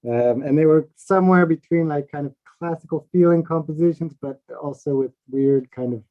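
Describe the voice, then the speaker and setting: A middle-aged man from Seattle, a film composer, telling his story in a relaxed, rambling way over a video call. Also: fairly high pitch, normal speed. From Seattle, USA. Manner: relaxed, rambling with many fillers. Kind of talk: casual video-call chat. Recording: dull lo-fi call audio.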